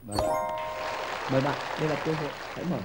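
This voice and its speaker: A man hosting a TV quiz show in a studio, giving lively hints and often stumbling over repeated words. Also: fairly high pitch, a little fast, loud music behind the voice. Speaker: game show host.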